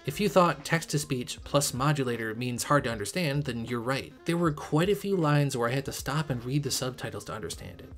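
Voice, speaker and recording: A man's voice: medium pitch, expressive, a little fast, hardly any pauses, faint music behind. A young man narrating a scripted game review video essay in a critical, emphatic way. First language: English. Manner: critical, emphatic, occasionally sarcastic.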